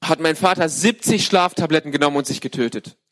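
A man interpreting a sermon live into German, speaking quickly with frequent restarts and corrections. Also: a little high, a bit bright.

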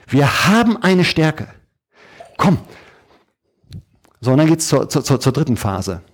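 Guy preaching, husky voice, bounces his pitch all over, slips into whiny put-on voices. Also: takes it slowly. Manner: animated, acts out sluggish voices, colloquial asides. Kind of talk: lively sermon.

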